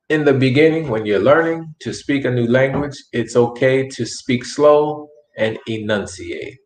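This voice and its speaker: A man teaching English in a language lesson, speaking slowly and repeating words with careful enunciation. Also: mid-range voice. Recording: echoey room.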